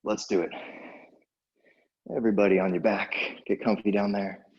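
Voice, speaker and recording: A man's voice: fairly low pitch, level tone, moderate pace, darkish tone, husky, dull audio. A man coaching a workout like an aerobics instructor, casually giving short encouraging cues and countdowns while exerting himself. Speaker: fitness instructor.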